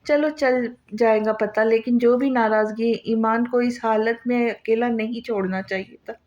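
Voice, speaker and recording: Doting young husband in an audiobook novel, read by a woman, fairly high, dull lo-fi sound. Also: steady tone, normal speed, darkish tone, close to an everyday voice. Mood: earnest. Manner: doting, coaxing.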